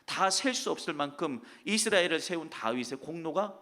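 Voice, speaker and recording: Man, pastor, sunday sermon, fairly high voice, very animated, swings loud to hushed. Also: brisk. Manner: emphatic, swings between loud declarations and hushed asides. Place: church sanctuary.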